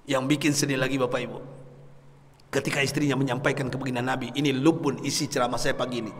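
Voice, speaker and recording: A man preaching a sermon to a congregation, swinging from hushed tones to loud impassioned cries and calling out to his listeners. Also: mid-range voice, level tone, fast. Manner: calls out to the congregation. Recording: long hall reverb.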